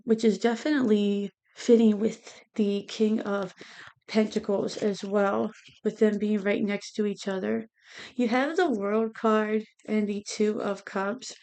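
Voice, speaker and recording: A woman's voice: medium pitch, a little mellow, clear, resonant tone. A woman giving a casual tarot reading, speaking with a lisp from lingual braces in a hesitant, meandering way. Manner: hesitant, meandering, repeats "you know". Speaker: tarot reader.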